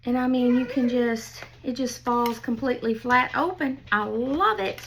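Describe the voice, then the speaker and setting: Older woman, folksy craft vlogger, slightly high voice, raspy fry. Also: normal speed, a bit bright. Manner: folksy, chatty, laughs at her own stories. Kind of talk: casual storytelling and craft demo.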